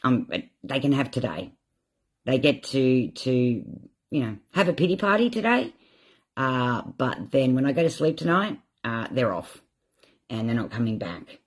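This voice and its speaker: A woman with a husky, slightly breathy voice talks openly on a live stream. She rambles and reflects on her feelings, and she sounds tearful and worn out. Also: a bass voice, big pitch swings, a little slow. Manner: emotional, rambling, self-reflective. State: tearful, drained. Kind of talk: candid live stream monologue.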